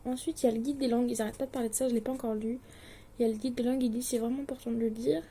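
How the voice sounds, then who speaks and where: Rapid-fire and husky, the high-leaning, dark-toned voice of a Swiss woman in her late teens keeps a steady tone as she chats casually to the camera about her distance-learning studies. She's anxious and self-deprecating, hesitating and using many fillers.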